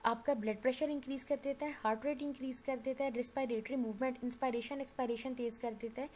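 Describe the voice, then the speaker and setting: With a sore throat, a woman speaks fast in a high, steady, slightly mellow voice during a recorded anatomy lecture. She patiently explains, uses English medical terms and keeps asking "theek hai" to check on her class. The audio is poor, with faint background noise.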